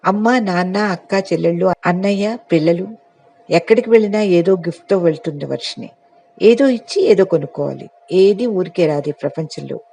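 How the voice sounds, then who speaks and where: A man narrating a literary short story with a measured, reflective reading. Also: high voice, creaky, warm tone.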